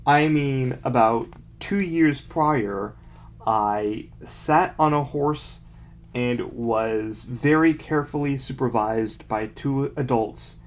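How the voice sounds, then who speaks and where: A man's voice: medium pitch, slow pace. A young adult man casually reading aloud and commenting in a mocking, self-deprecating way, with dry, sarcastic asides. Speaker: vlogger.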